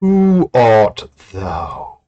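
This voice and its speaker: Man voicing a slow, drawling ancient god. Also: mid-range voice, sing-song, highs cut off, faint music behind, pitched below the performer's own voice. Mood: solemn, imperious. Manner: slow, drawn-out archaic speech. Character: ancient sleepy god, slow, archaic and imperious.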